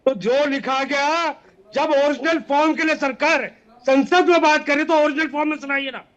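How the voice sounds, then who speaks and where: A male panelist on a TV news debate speaks in a very high voice. He is challenging and combative, and he hammers the same demand again and again. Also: steady tone, normal speed, a bit bright, lo-fi sound. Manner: challenging, repeats his demand. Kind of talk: heated TV debate.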